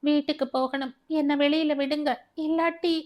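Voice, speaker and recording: A woman's voice: monotone, moderate pace, a little mellow, close to an everyday voice. A woman voicing a frightened young woman held captive, crying and pleading. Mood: pleading, terrified. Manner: pleading, shrill and desperate.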